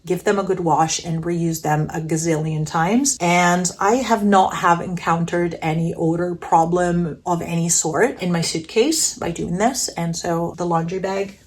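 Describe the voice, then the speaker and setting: A woman narrating a casual packing vlog in a chatty, enthusiastic way, with playful self-aware humor. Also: on the low side. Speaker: vlogger.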